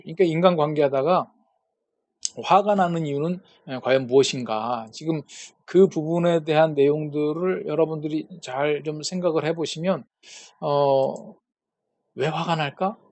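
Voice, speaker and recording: A man's voice: on the high side, a little mellow, dry recording. A man giving a lecture at a peacemaking school, posing rhetorical questions and retelling conversations as little dialogues. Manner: poses rhetorical questions to the audience. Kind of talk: church-based lecture on conflict.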